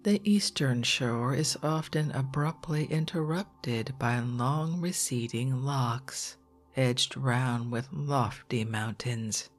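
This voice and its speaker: A narrator gives a quiet ASMR reading at a very slow, measured pace. The voice is soft and hushed, often slipping toward a whisper, with a calming delivery. Music plays behind it. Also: mid-range voice. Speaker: narrator, reader. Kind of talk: ASMR quiet reading of an old geology book, scripted narration.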